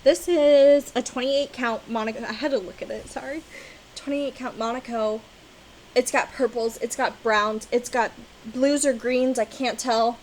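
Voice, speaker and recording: A fairly high-voiced woman talks slowly and casually to her camera, gushing over crafting supplies. She keeps bursting into loud, delighted exclamations. A faint hum of room noise sits behind her. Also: fairly even intonation, low-quality recording. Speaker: cross-stitch vlogger. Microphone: on-camera mic, seated at desk with ring light.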